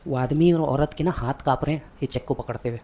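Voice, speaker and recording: Dramatic motivational speaker. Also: male voice, mid-range voice, brisk, dark tone. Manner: dramatic storytelling, addressing listener directly. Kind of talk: motivational speech.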